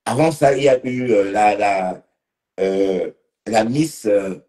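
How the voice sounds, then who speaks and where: A man's voice: on the low side, slow pace, warm tone. A man a bit tipsy, rambling casually on a live stream and talking to commenters by name. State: slightly tipsy.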